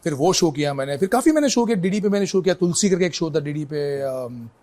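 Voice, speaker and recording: A middle-aged man, an actor as an interview guest, telling anecdotes in a casual, lively way and slipping English phrases in. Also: on the high side, fast talker.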